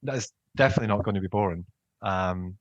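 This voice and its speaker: A man's voice: fairly low pitch, quick pace, no room sound, highs cut off. A man hosting a podcast in a casual, informal and jokey conversational style. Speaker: podcast host. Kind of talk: casual banter chat.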